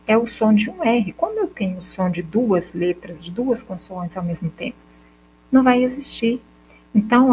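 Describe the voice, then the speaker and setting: A woman's voice: fairly high pitch, darkish tone, a little hiss or hum, poor audio. Brazilian woman teacher talking students through a lesson. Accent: Brazilian Portuguese. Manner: explains step by step, checks in with "tá?" and "ok?"; slowly sounds out example words. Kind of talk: recorded school lesson.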